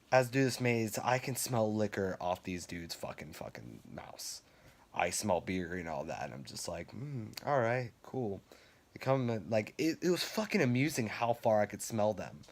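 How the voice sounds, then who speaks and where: Rambling young man telling stories, low voice. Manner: rambling, profane, laughs while telling. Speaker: vlogger. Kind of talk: casual storytelling.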